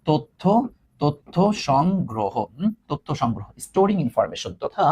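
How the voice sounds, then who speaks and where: A man's voice: fairly high pitch, moderate pace, slight background noise. A man teaching English grammar in a video lesson, repeating each point and asking his students rhetorical questions. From Bangladesh. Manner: lively, repeats points, asks rhetorical questions, teasing asides.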